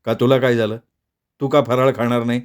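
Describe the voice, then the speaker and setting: A man's voice: medium pitch, little pitch movement, brisk, clean tone, lightly acted. A man reading a storybook voices an earnest young man in his own plain voice.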